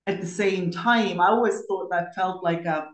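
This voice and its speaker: A middle-aged woman from East Germany tells her own story as a podcast guest, conversational and sprinkled with informal asides. Her voice is fairly low at a moderate pace, and the recording sounds roomy and echoey.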